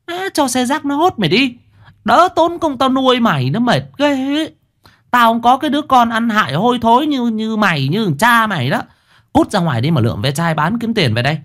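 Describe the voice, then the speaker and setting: Shrill, scornful mother, as a man puts her on. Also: sing-song, brisk, fairly bright tone, exaggerated voice. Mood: furious. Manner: screeching, abusive scolding. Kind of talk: storytelling with character voices.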